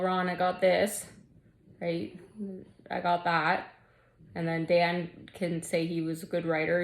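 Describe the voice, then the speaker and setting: A woman talking candidly in a rambling, profane, stream-of-consciousness monologue, often restarting and trailing off. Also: on the low side. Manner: restless, frequent restarts and trailing off. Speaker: vlogger.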